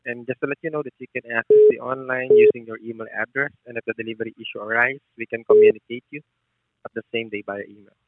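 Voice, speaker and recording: A man's voice: mid-range voice, fairly even intonation, quick pace, dry recording. A man working as a customer service agent on a call, polite and deferential. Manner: polite, deferential, often says sir. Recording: thin narrow phone line.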